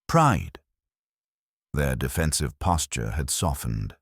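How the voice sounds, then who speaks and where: A man narrating a sci-fi story in a measured, dramatic storytelling manner. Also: a bass voice, very animated, slightly rough, no echo, studio quality.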